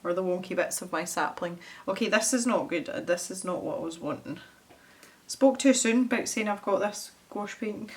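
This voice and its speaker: Painting as she talks, a young Scottish art channel host keeps up a casual chat at a normal speed in a mid-range voice. She muses aloud and teases herself along the way.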